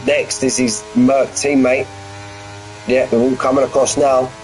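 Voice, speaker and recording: On a low-quality recording with a little hiss or hum, a man with a mid-range, darkish voice speaks a little slowly, with little pitch movement. He provides informal live commentary on an online racing league, treating the drivers as mates and calling them mate, lad and bud.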